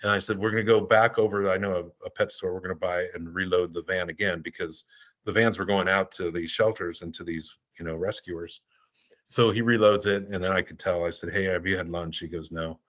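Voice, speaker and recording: An older man, a guest in an interview, telling stories casually and rambling with halting restarts. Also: sits low, steady tone, a bit bright, dull audio. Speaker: guest, animal relief volunteer.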